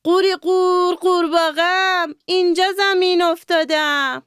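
A woman voicing a small, eager, cheerful pond frog who croaks in a sing-song chant. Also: high-pitched, lively intonation, dry recording, clean studio sound, pitched above the performer's own voice. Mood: cheerful croaking.

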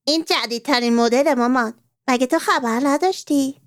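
Brief: eager little schoolgirl in a children's storybook, high and bright, as a woman narrator puts her on. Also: no room sound, clean studio sound, lightly acted. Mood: puzzled. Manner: excited, pleading. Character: lively young schoolgirl, eager to follow fashion.

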